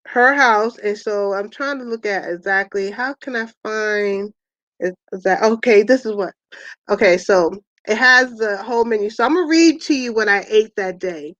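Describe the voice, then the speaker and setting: A woman's voice: medium pitch, a bit bright, no room sound. A middle-aged woman hosting an online wellness chat, rambling casually with many fillers and restarts. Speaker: host of an online wellness party. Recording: dull, lo-fi sound.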